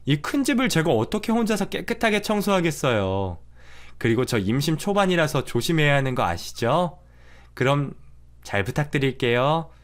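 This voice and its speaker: A man's voice: on the high side, animated, normal speed, natural voice. A man voicing a young pregnant daughter-in-law in a radio drama story, polite but unyielding. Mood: calm firm.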